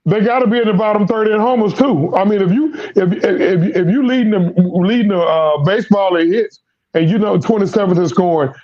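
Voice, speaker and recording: A sports podcast host with a high-sitting voice talks a little fast on dull-sounding audio. He's losing his voice as he rambles through casual sports talk, repeating lots of words and using Southern American slang.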